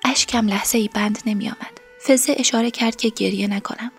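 A woman narrating a story in the first person, softly and emotionally, in a breathy, whispery voice. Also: on the high side, fairly even intonation, faint music behind. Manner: soft, emotional, tearful storytelling.

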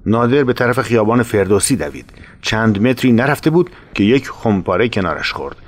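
A man reading a first-person war memoir aloud, grave and steady with dramatic emphasis. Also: lowish voice. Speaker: memoir narrator.

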